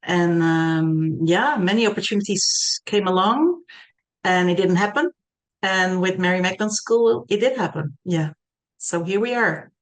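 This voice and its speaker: A woman's voice: lowish voice, lively intonation, unhurried, rough recording. A woman from the Netherlands, a native Dutch speaker, answering as an interview guest, reflective, with hesitant restarts. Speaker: guest, school co-founder.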